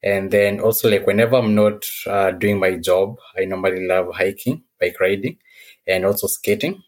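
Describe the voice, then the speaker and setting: A man's voice: low-pitched, moderate pace. A man from Kenya with a Kenyan accent, giving casual, somewhat hesitant answers as a podcast guest. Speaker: podcast guest, technology professional.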